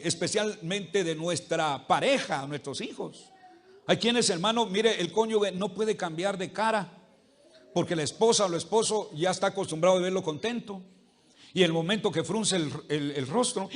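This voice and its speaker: High-voiced pastor preaching folksy. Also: male voice. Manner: folksy, peppers speech with "¿verdad?" and "hermano"; humorous everyday anecdotes. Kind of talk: conversational sermon. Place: church service before a congregation.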